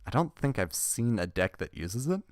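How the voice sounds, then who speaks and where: A man's voice: mid-range voice, big pitch swings, normal speed, dry recording, clean studio sound. A man casually reviewing trading cards, reading the card text aloud with wry asides and laughing his way through it.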